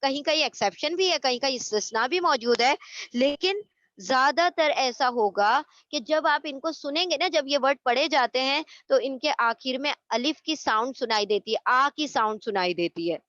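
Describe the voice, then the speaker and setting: Woman grammar teacher, high voice, patient and repetitive, close dry lo-fi sound. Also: expressive, fairly bright tone, no echo. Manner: explains patiently, repeats terms, mixes English words into Urdu. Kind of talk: recorded online lesson.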